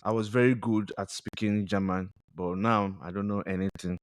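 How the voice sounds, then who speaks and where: Low-ish guy hosting a podcast, dry sound, chatty, lots of restarts. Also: steady tone, normal speed, no room sound. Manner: chatty, hesitant, with repeated restarts. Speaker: podcast host. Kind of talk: casual interview chat.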